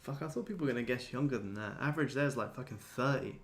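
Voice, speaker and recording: This twenty-something day trader talks quickly in a mid-range voice while fielding viewer questions on his livestream. The chat is casual and relaxed, full of blokey banter and swearing.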